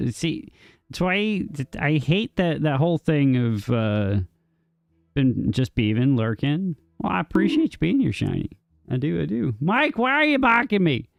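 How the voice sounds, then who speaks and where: During a live game stream, a man chats casually with his viewers, rambling and answering chat with many ums and restarts. His medium-pitched voice carries vocal fry, and the sound is studio quality with no echo.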